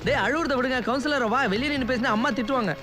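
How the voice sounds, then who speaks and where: An actor playing a cheerful young village man back home, greeting family and friends in a warm, teasing way. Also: very high-pitched, racing, over music. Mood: affectionate. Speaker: lead character. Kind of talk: film drama acting.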